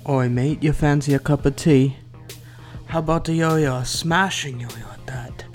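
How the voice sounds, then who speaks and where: A man voicing a cheeky, loud British bloke in a mock ad, full of put-on slang, with faint music behind. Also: a little high, steady tone, a little slow, lightly acted. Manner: shouty, mock cockney slang.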